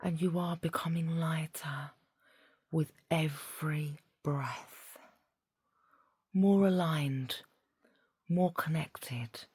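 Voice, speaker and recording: Very slow, breathy low-voiced woman guiding meditation. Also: no echo, clean studio sound. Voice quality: soft, breathy, half-whispered. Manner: soothing, deliberate, phrase by phrase. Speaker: guided meditation host. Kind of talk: whispered guided meditation.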